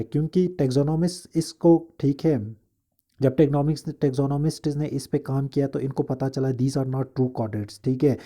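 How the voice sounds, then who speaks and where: हिंदी-अंग्रेज़ी मिलाकर पढ़ाता पुरुष शिक्षक, बहुत गहरी आवाज़. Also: male voice, fairly high pitch, warm tone. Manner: repeats points, constant "theek hai" checks; slows down to read English lines from a diagram. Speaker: biology teacher. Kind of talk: classroom lecture mixing Hindi and English.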